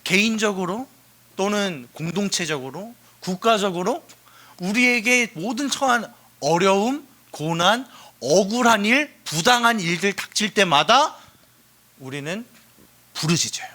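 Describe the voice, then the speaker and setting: A young man preaching an animated youth sermon, swinging from loud cries to hushed asides and asking his listeners questions. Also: sits high, unhurried. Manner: asks the listeners questions and answers them. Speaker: preacher at a youth worship service. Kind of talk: lively youth sermon with acted prayers.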